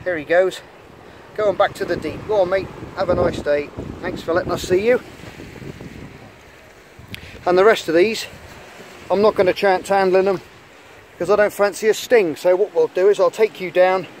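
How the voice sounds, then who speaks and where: A middle-aged channel host casually narrates a nature vlog at outdoor rock pools, chatty and enthusiastic as he handles sea creatures, filming on a camera held in hand at the shore. His voice sits high with fairly even intonation, a normal speed, and frequent pauses. Wind noise hits the mic.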